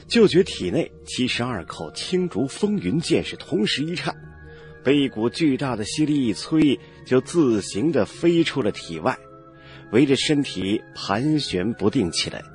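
A man narrating an audiobook serial in a dramatic, animated reading. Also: medium pitch. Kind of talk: scripted storybook narration.

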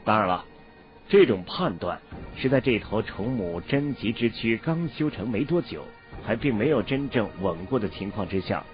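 A man voicing a calm, calculating young male cultivator in a storybook, with a cool, level delivery. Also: fairly low pitch, moderate pace, close to an everyday voice. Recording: dull lo-fi audio, faint music.

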